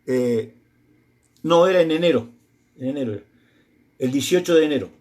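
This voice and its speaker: A man's voice: on the high side, moderate pace, darkish tone. A middle-aged man with an Argentine accent preaching a sermon, telling a personal testimony and acting out both sides of the conversations in it. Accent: Argentine Spanish.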